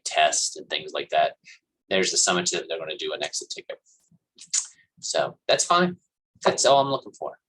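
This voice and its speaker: A man lectures his class in a loose, rambling way, stopping often for fillers. His voice sits low and sounds bright and forceful, with a husky edge. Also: poor audio. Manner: casual, rambling explanation with fillers. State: coughing and hiccuping. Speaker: college instructor.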